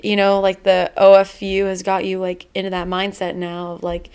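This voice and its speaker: A woman's voice: medium pitch, monotone, moderate pace, a little mellow, slight background noise. Chatty woman retelling a comic plot. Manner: rambling retelling, acting out quotes. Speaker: podcast co-host. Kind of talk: casual chat summarizing a comic.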